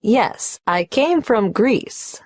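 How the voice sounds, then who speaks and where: Young migrant applicant, unhurried, dry close sound, careful and a bit hesitant. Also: female voice, a little high, animated, dry recording, exaggerated voice. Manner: hesitant, careful, spells out details. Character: young adult woman migrant applying for a tax number. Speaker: applicant at the tax office. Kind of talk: scripted exam dialogue.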